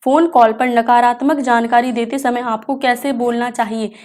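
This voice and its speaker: A woman teaches an exam revision class in a high, bright voice. She reads each question slowly in English and then explains it quickly in Hindi. She keeps asking the class questions and then answers them herself. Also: steady tone.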